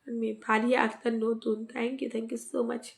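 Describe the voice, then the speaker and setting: Woman with a cold, gravelly low-key voice. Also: little pitch movement, unhurried. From West Bengal, India. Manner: greets and thanks commenters by name, asks for mentions. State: sore throat and cold, coughing. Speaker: live stream host. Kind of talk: casual live-stream chat with viewers.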